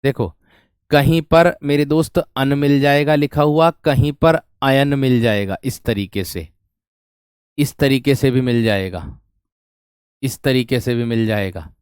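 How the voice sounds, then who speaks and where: A man's voice: mid-range voice, measured pace, darkish tone, smooth, no room sound, clean studio sound. A man teaching grammar in an online exam-prep class, explaining step by step and repeating each question to his students.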